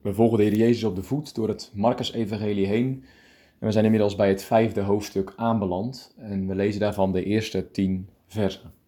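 A male preacher giving a calm radio meditation, reading scripture deliberately and explaining it. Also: fairly low pitch.

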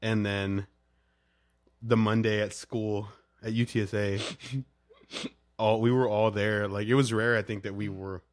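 A man's voice: on the low side, measured pace, pauses often, dry recording, clean studio sound. Laughing, profane young man telling stories. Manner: laughs through his stories, profane and animated. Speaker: podcast co-host. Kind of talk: casual chat.

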